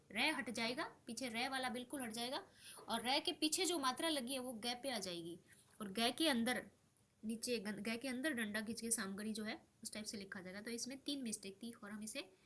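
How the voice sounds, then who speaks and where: A woman's voice: a little high, pushed and bright. A young woman teaching Hindi spelling, patiently repeating each word as she explains a practice paper, sleepy late at night and mixing in English words. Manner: mixes in English words and phrases.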